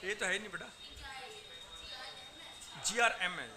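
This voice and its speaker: Higher-pitched male teacher drilling a class. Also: unhurried, a crowd in the background. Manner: coaching, quizzes students and repeats drills; calls students "beta" and "bachche". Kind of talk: classroom geography lesson. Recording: loud background noise and clicks.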